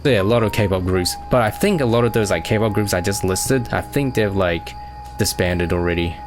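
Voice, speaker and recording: Young male host, low-ish voice, relaxed rambling Q&A, steady music underneath. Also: normal speed. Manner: easygoing, rambling, lots of fillers. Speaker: channel host answering fan questions. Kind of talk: casual chat. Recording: music playing behind.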